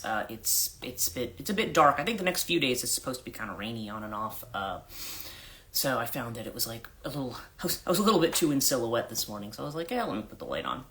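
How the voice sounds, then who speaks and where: Greeting viewers as they arrive, a woman life coach chats through a casual morning livestream, meandering with many fillers and frequently clearing her throat. Her allergy-congested voice is husky and lower than normal, but bright and forward enough to cut through. She sounds animated and speaks fairly quickly.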